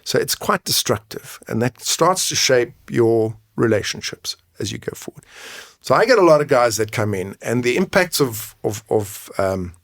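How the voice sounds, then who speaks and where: This man, a guest who coaches and advocates for men's mental health, talks in an animated mid-range voice at normal speed. He's frank and conversational, frequently confirming points with a tag question, and the studio sound is clean and dry.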